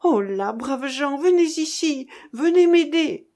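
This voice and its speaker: A woman's voice: medium pitch, lively intonation, slow. A woman reading an audiobook, voicing an impassioned young woman who speaks in breathless, pleading outbursts.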